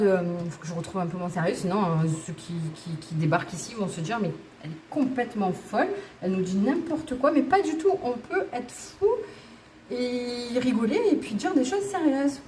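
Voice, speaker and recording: Giggly woman doing a tarot guidance vid, rambly and chatty, pokes fun at herself, normal middle pitch. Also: a little fast, a little mellow, a little hiss or hum. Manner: bubbly, giggly and rambling, with self-mocking asides; lots of fillers and restarts, chatting straight to viewers. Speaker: tarot and oracle card reader. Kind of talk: casual spoken card-reading guidance.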